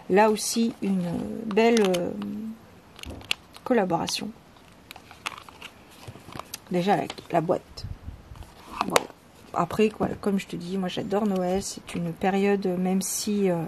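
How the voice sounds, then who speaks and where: This channel host, a chatty woman with a medium-pitched voice, presents oracle cards in a casual, hesitant way full of fillers and restarts. She reads the card texts softly and calmly, and the home recording has noticeable background noise.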